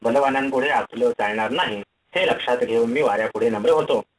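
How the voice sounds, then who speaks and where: A man reading the lines of a humble small tree in a storybook fable, in a calm, explaining tone. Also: mid-range voice, a little fast, distant mic, lightly acted, poor audio.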